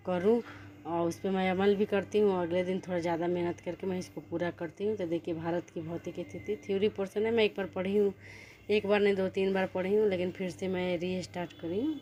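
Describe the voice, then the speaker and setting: Flat-voiced Bihari Hindi woman vlogger. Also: on the low side, fairly quick. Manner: rambling, self-correcting, earnest. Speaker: vlogger studying for a teacher exam. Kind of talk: casual study vlog talk.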